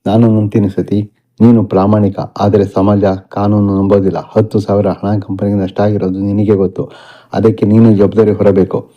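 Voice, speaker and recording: A man's voice: fairly low pitch, little pitch movement, normal speed, dark tone, lightly acted. A man voicing a distraught young wife and teacher, angry and tearful, in a plain reading voice. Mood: subdued. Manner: plain reading voice, barely changed for the character. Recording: dull lo-fi recording.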